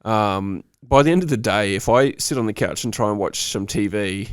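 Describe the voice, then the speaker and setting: A man's voice: lowish voice, moderate pace, clear, resonant tone, dry recording, studio quality. Man, nasal from a cold. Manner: chatty, laughs often. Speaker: podcast co-host. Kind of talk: casual chat.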